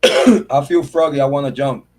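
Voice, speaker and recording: Against a noisy background, a mid-range male voice at normal speed rants on a true crime livestream he hosts. He's heated, swears and repeats himself, stopping now and then to thank viewers individually by name.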